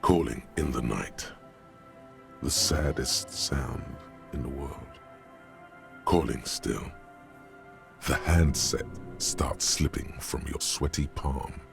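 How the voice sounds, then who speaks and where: A man voicing a grave, brooding game narrator, delivering slow, dramatic, somber narration. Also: very deep voice, vocal fry, over music, heavily acted.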